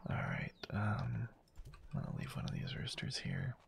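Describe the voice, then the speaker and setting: A man quietly whispering casual ASMR gameplay commentary, musing aloud to himself as he plays, with keyboard and mouse clicks. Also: lowish voice, wildly swooping pitch, moderate pace, creaky. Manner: soft-spoken, musing aloud while playing. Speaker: gameplay channel host.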